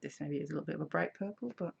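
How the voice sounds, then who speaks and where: A woman's voice: low-pitched, racing, gravelly, slightly rough. A woman, chatting casually on a craft live stream and answering viewer comments. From Denmark. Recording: slightly dull lo-fi sound.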